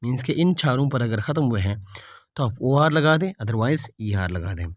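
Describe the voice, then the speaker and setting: A man teaching English grammar, explaining spelling rules at a steady pace and slowing down to spell words out letter by letter. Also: medium pitch, no room sound.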